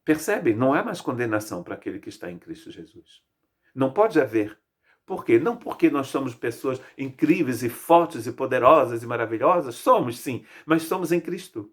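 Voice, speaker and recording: A man's voice: mid-range voice, big pitch swings, moderate pace, husky. A man in his fifties from Brazil with a Brazilian Portuguese accent, preaching a sermon as pastor in an emphatic way, stacking repeated phrases. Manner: emphatic, lists phrases in rising repetition. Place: church.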